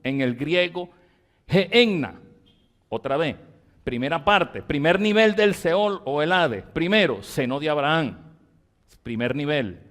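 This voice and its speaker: A Venezuelan pastor with a Venezuelan Spanish accent teaches a Bible study to his congregation in a church room. He speaks emphatically, in a fairly high voice for a man, and repeats key words slowly as if dictating them for notes. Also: expressive, fairly bright tone.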